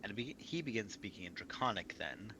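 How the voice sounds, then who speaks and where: Guy game mastering dnd, low voice, halting descriptions, noisy mic with room sounds. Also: expressive, vocal fry, sharp tone. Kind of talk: improvised tabletop narration. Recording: noisy home microphone.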